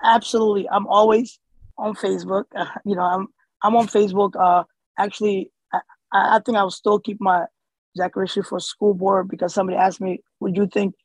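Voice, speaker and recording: A man's voice: high voice, little pitch movement, a little fast, slightly rough, dry recording, rough recording. A man born in Somalia and raised in the US, speaking as an interview guest in a casual, hesitant way with many fillers and restarts. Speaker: interview guest, community organizer.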